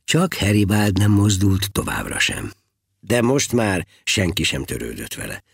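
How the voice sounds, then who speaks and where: A man narrating a story in an expressive, dramatic reading style. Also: sits low, creaky, husky, dry recording, clean studio sound. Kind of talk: audiobook storytelling.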